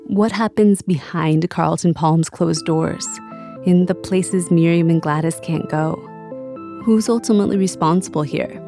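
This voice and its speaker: A woman host and reporter narrating a documentary podcast and interviewing in a measured, reflective way. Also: lowish voice, warm tone, faint music behind.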